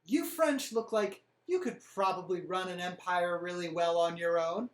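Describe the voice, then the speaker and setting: A woman putting on a put-on Italian accent to voice a gruff, domineering old male doge who talks in a blunt, commanding, threatening way. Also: on the low side, normal speed, lightly acted.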